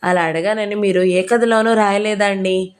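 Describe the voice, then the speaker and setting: A woman's voice: medium pitch, fairly even intonation, measured pace, close to an everyday voice. A woman voicing a timid, educated young bride who talks in a meek, apologetic way. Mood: amused.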